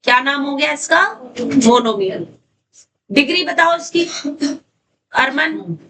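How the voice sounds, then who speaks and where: A woman's voice: high voice, animated, slow. A woman math teacher who drills her students, repeats her questions and calls on them by name. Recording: distant mic with faint noise.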